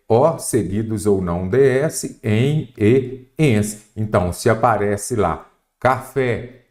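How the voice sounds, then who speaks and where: A Brazilian man giving an exam-prep lesson in Portuguese grammar. His voice sits at an ordinary middle pitch, and he delivers rules with emphatic stress, often asking questions and answering them himself. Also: darkish tone. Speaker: Portuguese teacher for civil-service exams.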